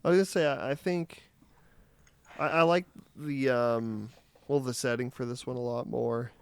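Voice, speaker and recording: A young man co-hosting a casual movie review chat, talking in halting, filler-heavy bursts that trail off. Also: mid-range voice, steady tone, gravelly, clean tone, no echo. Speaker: podcast co-host.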